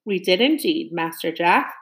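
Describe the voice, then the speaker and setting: A woman voicing a calm, polite young male butler who speaks formally and with cool assurance. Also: on the low side, normal speed.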